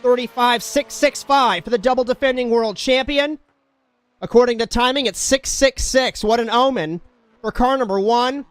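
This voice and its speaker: Man, race commentator, high-pitched, excitable, play-by-play calling. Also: moderate pace, no room sound. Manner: excitable, shouts at big moments.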